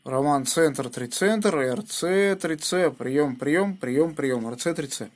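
An amateur radio operator talks casually on the air using call signs, from a small indoor room at his home radio station. His voice is a little high and slow, recorded on a phone held near the radio with heavy background noise.

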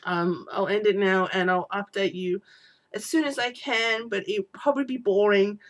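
A woman's voice: medium pitch, steady tone, moderate pace. A woman vlogger talking in an unedited personal video diary, teary with her voice breaking, rambling and apologetic.

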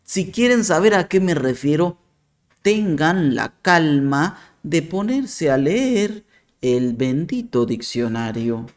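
Sarcastic man, slow and lively. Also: on the high side. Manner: sarcastic, mocking. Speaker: video commentator. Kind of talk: argumentative commentary to camera.

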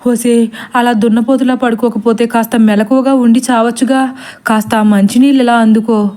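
A woman's voice: on the high side, steady tone, moderate pace, dark tone, lightly acted. A woman voicing a frightened older grandmother who scolds her maid in a panicky way.

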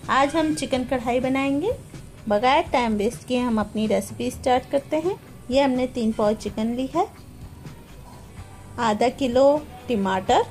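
A Pakistani woman hosts a home cooking channel, patiently walking through each recipe step in a plain, homely manner. She films on a phone in her kitchen, and her voice is a little high with a darkish tone.

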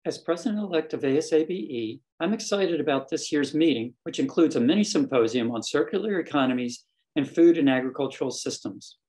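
An older man, a society president-elect, reads a steady, formal announcement. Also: on the high side, fairly quick. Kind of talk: scripted announcement. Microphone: webcam framing.

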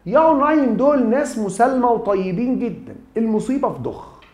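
A man's voice: very high voice, quick pace, reverberant. A man with an Egyptian Arabic accent, a German teacher giving a lecture, asking questions and answering them himself. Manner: lively, asks and answers his own questions. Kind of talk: classroom lecture.

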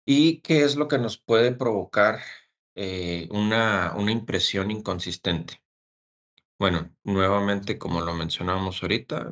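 A man presenting a technical webinar as a service engineer, speaking haltingly with fillers and repeated words over a webcam. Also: low-pitched, creaky, sharp tone, lo-fi sound.

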